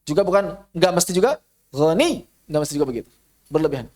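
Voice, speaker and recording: A man's voice: on the high side, racing, a little mellow. A man with an Indonesian accent teaching Quran recitation online, repeating syllables to demonstrate sounds and then explaining them. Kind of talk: online tajwid lesson.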